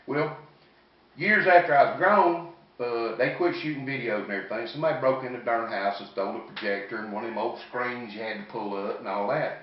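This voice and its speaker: Heard through a muffled, echoey and distant room recording, this comedian from the American South is in his fifties. He talks briskly in a mid-range voice, spinning folksy, meandering, salty stand-up stories in a Southern accent.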